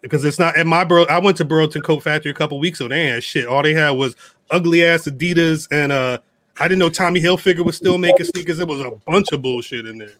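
A man hosting a podcast in casual chat, animated, laughing often and repeating words as he talks. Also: on the high side, quick pace. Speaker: podcast host.

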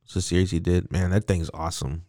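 A man co-hosting a comics podcast in casual chat, chatty and quick to agree. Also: deep voice, little pitch movement, dark tone. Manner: chatty, frequent agreeing backchannels. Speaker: podcast co-host.

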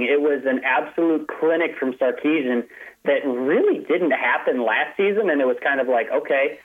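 A man on a tinny phone line. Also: mid-range voice. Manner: chatty, restarts phrases, light laughs. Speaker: sports writer guest. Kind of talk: casual call-in analysis. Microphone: telephone.

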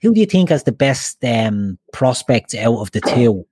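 A man's voice: medium pitch, very animated, moderate pace, a little mellow, no echo, clean studio sound. Dublin-accented man hosting casual football chat. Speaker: host of a football discussion show. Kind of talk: casual sports chat, posing questions to guests.

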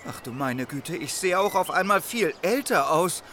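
A man's voice: on the high side, animated, moderate pace, sharp tone, a little hiss or hum. A man voicing a boy turned ninja who is stuck in a tree, in a children's audio drama, hesitant and full of fillers. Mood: startled.

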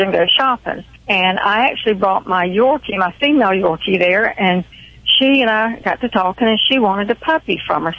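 A woman's voice: medium pitch, gravelly, husky. A woman with a Southern Georgia accent, chatting and telling her story casually as a caller on a muffled, echoey phone line. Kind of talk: casual chat. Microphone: telephone.

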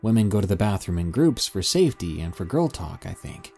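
Guy narrating like a storyteller, kinda low voice, pitch moves a lot, soft music behind. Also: big pitch swings, fairly quick, gravelly, breathy edge. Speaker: host and narrator of listener-submitted scary stories.

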